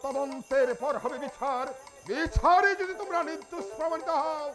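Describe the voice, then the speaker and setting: A man playing an ageing, stern warrior king in Bengali folk theatre, with a booming, commanding, theatrical delivery and a Bengali accent. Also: normal speed, over music. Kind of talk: historical Bengali jatra folk theatre acting.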